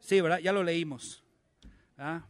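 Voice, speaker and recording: A man's voice: fairly high pitch, measured pace. A male pastor, preaching a conversational sermon and asking his congregation many questions.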